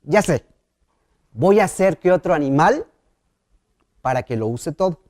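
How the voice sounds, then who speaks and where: A man's voice: on the high side, lively intonation, measured pace, darkish tone, no echo, clean studio sound. A man voicing a male creator god in a read-aloud myth, musing and fretful. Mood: pondering.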